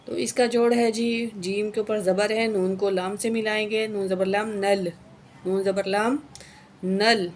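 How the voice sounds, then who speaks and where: Woman teaching Quran reading at a mid pitch, slow drawn-out recitation with spelled-out letters, faint hiss behind. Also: steady tone. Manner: spells out letters and vowel marks, then recites each word slowly and drawn out; often adds a checking "okay" after each rule. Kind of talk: word-by-word recitation lesson.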